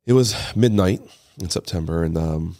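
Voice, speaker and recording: A man giving an emotional personal testimony in an interview, halting and often repeating his words. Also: sits low, mellow. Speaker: interview guest, father. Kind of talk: personal testimony, casual storytelling.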